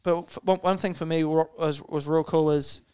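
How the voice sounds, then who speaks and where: A man with a New Zealand accent, co-hosting a casual podcast chat, excitable and laughing often, tripping over his words. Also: fairly high pitch, moderate pace, smooth. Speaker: podcast co-host.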